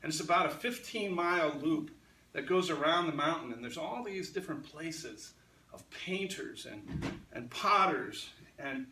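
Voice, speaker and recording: A man's voice: a little high, expressive, unhurried, pushed and bright, slight background noise. A man preaching a sermon as pastor, talking conversationally and acting out the lines he quotes. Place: church sanctuary. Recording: roomy church sound from a distant mic.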